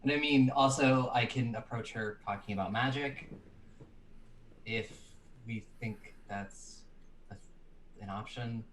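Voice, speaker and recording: A man's voice: medium pitch, a little slow, long pauses, a little hiss or hum, low-quality recording. A man playing a tabletop game, making easygoing, tentative suggestions. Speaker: player. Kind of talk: casual tabletop game play.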